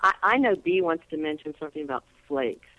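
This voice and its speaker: A woman's voice: deep voice, lively intonation, fast talker, slight background noise. A woman calling in as an interview guest on speakerphone, her voice muffled, talking chattily with many restarts. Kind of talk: casual phone interview.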